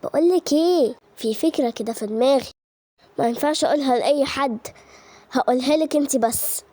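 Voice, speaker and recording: A woman's voice: high voice, a little fast, warm tone, dry recording, lightly acted. A woman voicing a sly, scheming schoolgirl who talks conspiratorially, with an Egyptian accent. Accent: Egyptian Arabic. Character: scheming confident schoolgirl Samar.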